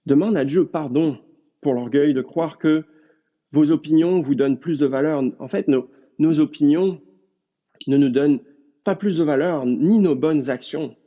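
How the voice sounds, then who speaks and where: Earnest preacher man, dark voice. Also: on the high side. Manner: earnest, measured, addressing listeners directly. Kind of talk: sermon. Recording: dull lo-fi recording.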